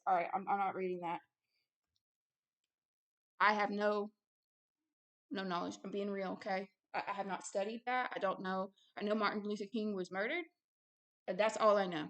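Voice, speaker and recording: Hosting a religious video, a woman alternates between reading a book aloud and fervent preaching commentary, insistent and emphatic, leaning on short repeated phrases. Her mid-range voice stays steady at a normal speed, and she pauses often.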